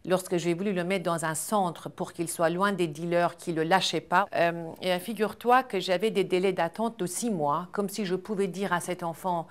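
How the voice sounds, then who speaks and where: Interview guest: middle-aged woman from Iran, lowish voice, earnest and measured, hesitant. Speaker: charity founder and guest.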